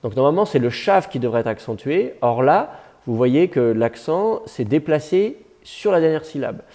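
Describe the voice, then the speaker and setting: A man teaching a class, explaining step by step with patience and many pauses and fillers. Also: on the high side, sing-song, dark tone. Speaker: Biblical Hebrew teacher.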